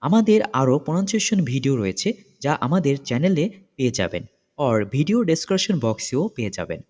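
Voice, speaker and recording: A man teaching a lesson in a lively, explanatory way, repeating examples and checking in with his listeners. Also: mid-range voice, fast talker, long reverb tail. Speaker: English teacher. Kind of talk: explanatory lesson, mixing in English phrases.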